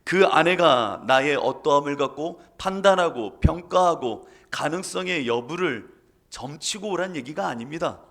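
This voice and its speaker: A man's voice: on the high side, expressive, unhurried, fairly bright tone. A male pastor delivering a sermon in a dramatic, emphatic storytelling manner.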